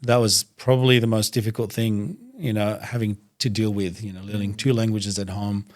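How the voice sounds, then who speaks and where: A man's voice: fairly low pitch, level tone, a little mellow. Thoughtful man from Iraq, native Arabic. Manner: thoughtful, measured, pauses to gather words. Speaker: guest, doctor and reciter. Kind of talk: conversational interview. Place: studio.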